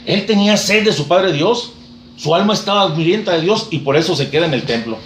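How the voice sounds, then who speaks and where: A man's voice: on the high side, expressive, fairly quick, fairly bright tone, roomy sound, a little hiss or hum. A man preaching a sermon, retelling scripture in a fervent storytelling manner.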